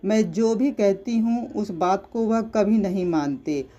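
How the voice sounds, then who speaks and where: A narrator reading the lines of a young married woman who is emotional and demanding, in a slow, even voice. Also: medium pitch, dull audio, close to an everyday voice. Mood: pleading.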